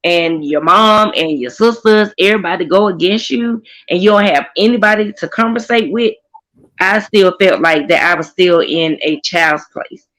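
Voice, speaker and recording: A woman in her forties, calling in as a guest on a group stream, speaks at normal speed in a lowish, slightly bright voice over poor audio. Earnest and repeating herself, she opens up about hardship in an emotional, casual chat.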